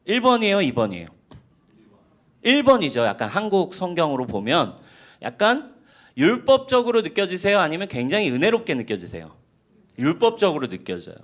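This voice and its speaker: A male pastor giving a sermon in an animated way, often asking the congregation questions. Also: high voice, fairly quick.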